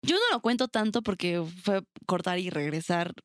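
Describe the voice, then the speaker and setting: A woman's voice: fairly low pitch, moderate pace, dry recording, studio quality. A young woman with a Mexican accent, co-hosting a podcast in casual chat, telling stories bluntly and swearing freely. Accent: Mexican Spanish. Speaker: podcast co-host.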